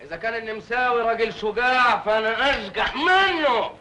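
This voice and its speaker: A man's voice: very high voice, lively intonation, fairly quick, bright, forceful tone, slight background noise, full character voice. An actor with an Egyptian accent playing a blustering, jittery drunk out to prove his bravery, in classic film comedy style. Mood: mocking, boastful. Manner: theatrical, boastful.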